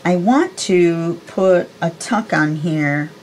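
Speaking slowly in a fairly low, slightly mellow voice with lively intonation, a woman around sixty walks through a craft tutorial at an indoor desk. She thinks aloud casually, folksy and self-deprecating, over a faint hiss or hum.

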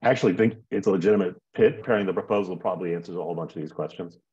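Husky low man on choppy video call audio. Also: a little mellow, muffled recording. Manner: apologetic, halting. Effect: choppy, muddled video call audio. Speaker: call participant. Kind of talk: casual meeting discussion.

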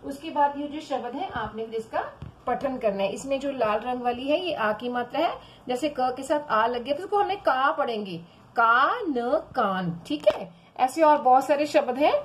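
A woman teacher giving a children's Hindi phonics lesson, drawing syllables out slowly and calling the children "beta". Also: high-pitched. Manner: slow, drawn-out syllables for children. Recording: echoey room with faint background noise.

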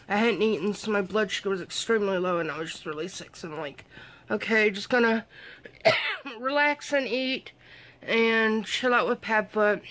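Woman vlogger, bedtime chat, drowsy, rambling, a little slurred, mid-pitched voice. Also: fairly bright tone. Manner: rambling, many ums, slightly slurred words. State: sleepy and tired. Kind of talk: casual vlog chat. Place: bedroom at night.

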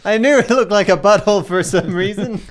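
A man's voice: high voice, a little fast. A man playing in a tabletop game show, joking casually with the table in a small studio.

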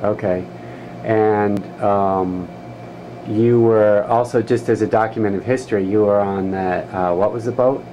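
Male interviewer, fairly low voice, conversational questioning, faint hum behind him. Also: fairly even intonation, unhurried, warm tone, poor audio. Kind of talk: casual interview.

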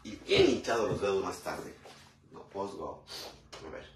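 A man's voice: deep voice, a little slow, vocal fry, a little hiss or hum. A man with a Mexican accent chatting casually on a live stream while he cooks, using crude slang and greeting viewers by name.

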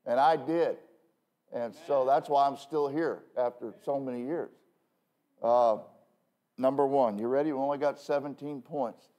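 A male pastor preaching a sermon from the pulpit in a conversational way, full of self-deprecating asides and quick "okay?" checks with the congregation. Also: mid-range voice, fairly even intonation, warm tone. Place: church pulpit.

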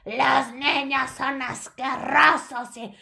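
A woman voicing a furious, hateful grand witch in a storybook reading, shrieking her words slowly and drawn out. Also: sits high, fairly even intonation, vocal fry, sharp tone, pitched above the performer's own voice, exaggerated voice. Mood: screeching hateful. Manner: slow, drawn-out shrieking declarations. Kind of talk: storybook read-aloud.

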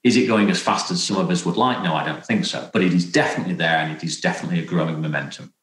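A middle-aged man talks on a video-call panel from a room at home. His voice sits a little low, and the room adds a clear echo. He speaks earnestly and stresses his points by repeating them. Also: racing, a bit bright. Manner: earnest, emphatic, repeats key phrases. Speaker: panelist, consumer goods executive. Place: home room with stone wall. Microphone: video call webcam. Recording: echoey room on a webcam.

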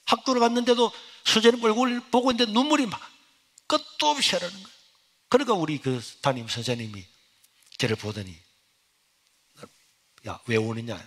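A middle-aged male pastor, giving an emotional sermon testimony that swings from hushed to loud. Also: high-pitched, lively intonation, quick pace.

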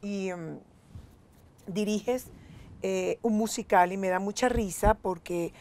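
A woman's voice: medium pitch, slow pace, a little mellow. A middle-aged woman hosting a TV talk show, asking her guest chatty, inquisitive questions from a studio armchair on a lapel mic. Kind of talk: TV interview. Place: TV studio set, seated in armchair.

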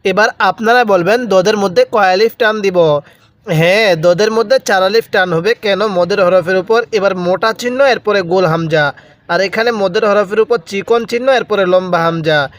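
A man teaching Quran recitation step by step, chanting Arabic words slowly and drawn out, then explaining quickly. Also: high-pitched, dry recording. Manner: repeats words for the viewer to copy.

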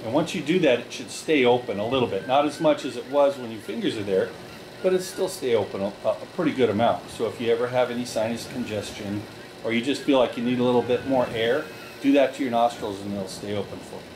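A man leading a relaxation group through guided breathing, giving slow, calm step-by-step directions. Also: mid-range voice, background noise.

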